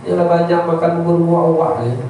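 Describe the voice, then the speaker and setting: A man's voice: a little high, normal speed, dark tone. Man teaching in an echoey prayer room. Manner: conversational, often adds "ya" and "ya tak". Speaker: religious teacher. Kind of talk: informal religious lesson. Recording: echoey room, distant mic, faint noise.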